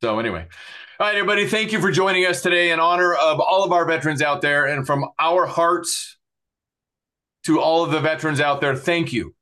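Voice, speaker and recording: A man's voice: fairly high pitch, brisk, pushed and bright. Earnest middle-aged male podcast host. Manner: earnest, repetitive, plugging websites with frequent fillers. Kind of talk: podcast outro and guest thanks.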